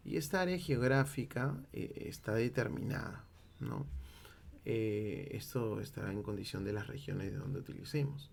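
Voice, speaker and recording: A man's voice: mid-range voice, creaky, a little mellow, a little hiss or hum. A Peruvian man teaching a linguistics lesson, explaining step by step and checking in with his listeners. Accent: Peruvian Spanish. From Peru. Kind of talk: classroom-style linguistics lecture.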